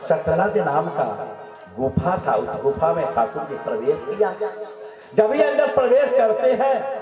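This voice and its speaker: A man preaching a devotional story sermon, emphatic, calling out chants for the crowd to answer. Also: on the high side. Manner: emphatic, leads the crowd in call-and-response chants. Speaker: katha preacher. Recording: echoey, distant, dull live sound with music and crowd.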